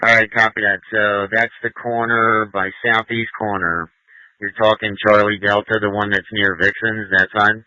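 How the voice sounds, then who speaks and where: A man's voice: fairly low pitch, little pitch movement, normal speed, pushed and bright, dry recording. A man serving as fire incident commander, giving instructions and confirming reports over a two-way radio. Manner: directive, checks and repeats information back. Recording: muffled fire radio audio.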